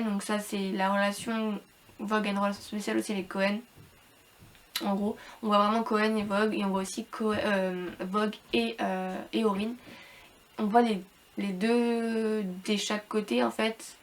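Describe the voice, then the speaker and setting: A woman's voice: mid-range voice, level tone, normal speed. A woman giving a casual, rambling book review to viewers, hesitant and repetitive, with informal slangy wording and slightly robotic, unclear speech because she is ill. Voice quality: slightly robotic, hard-to-understand speech from illness.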